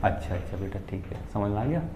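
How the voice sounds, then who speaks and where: A man's voice: fairly low pitch, expressive, fast talker, reverberant, noisy background. A man teaching a maths class, questioning his students and calling them "beta" as he works through the steps.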